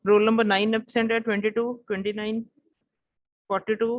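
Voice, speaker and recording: Brisk woman teacher on a video call, dry and muffled lo-fi audio. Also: mid-range voice, little pitch movement, dry recording. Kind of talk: online class roll call and lecture.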